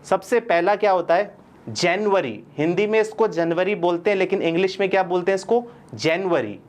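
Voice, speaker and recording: A man teaching an online English pronunciation lesson. He asks his students questions, answers them himself and repeats each word slowly. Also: high-pitched, steady tone, a little mellow. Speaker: coaching-class English teacher.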